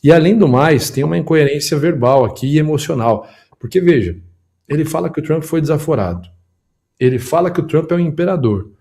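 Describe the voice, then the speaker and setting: A man hosts a commentary show and talks fast with a mellow, dark tone. He breaks down video clips point by point, speaking emphatically to viewers and to his production team. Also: a little high, expressive, creaky. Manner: quick, emphatic, analytical, talks to the audience and production. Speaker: political commentator and show host.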